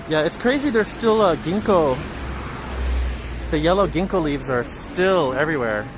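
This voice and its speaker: With an expressive, somewhat high voice at normal speed, a Japanese man hosts a relaxed livestream walking tour of city streets. Between chatting, he reads viewer comments aloud, and the outdoor recording picks up traffic and street noise.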